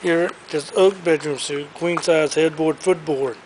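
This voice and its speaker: During an auction preview in a large indoor warehouse, a man enthusiastically walks past the items for sale while filming on his handheld camera. His voice runs on the high side, a little mellow and a little slow, with fairly even intonation. The low-quality recording has a little hiss or hum.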